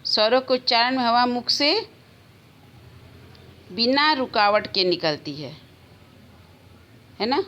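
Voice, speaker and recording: A woman teacher talks her young pupils through a recorded grammar lesson. She speaks in a fairly high voice at a slow, deliberate pace. She says the key answers over and over so the children can take them in. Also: animated, sharp tone. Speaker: school teacher.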